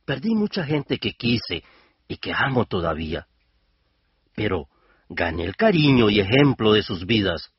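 A man's voice: lowish voice, sing-song, slightly rough, no echo. Earnest man reading a reflection. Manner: earnest, measured, rising toward the end. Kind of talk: reflective scripted narration. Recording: dull lo-fi radio recording.

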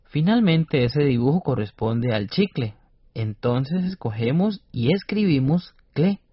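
A man's voice: mid-range voice, lively intonation, unhurried, breathy edge, dry recording. A man co-presenting a scripted educational radio lesson, explaining carefully and over-articulating syllables. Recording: dull dry studio radio recording.

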